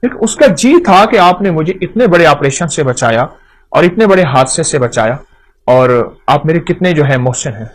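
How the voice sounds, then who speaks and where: A man explains home remedies in an earnest, teaching tone. He speaks at a fairly high pitch and often repeats a phrase to drive the point home. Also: animated, normal speed.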